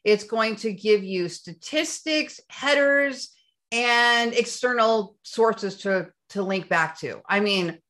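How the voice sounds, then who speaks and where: Bright-voiced enthusiastic woman teaching SEO. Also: mid-range voice, takes it slowly. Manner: enthusiastic, gets breathless with excitement. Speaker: SEO instructor. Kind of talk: screen-share tutorial.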